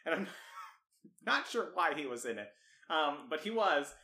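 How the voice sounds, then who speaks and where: Bright-voiced man telling a story, laughing. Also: a little high, unhurried. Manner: laughing storyteller, relaxed and rambling. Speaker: podcast co-host. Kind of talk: casual podcast chat. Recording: roomy echo.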